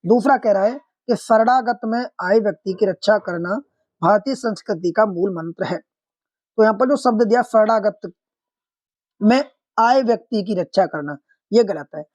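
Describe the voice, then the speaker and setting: A man's voice: high-pitched, unhurried, a little mellow, dry recording. A man teaching an online exam-prep lesson, explaining answers step by step, putting questions to viewers and calling them friends.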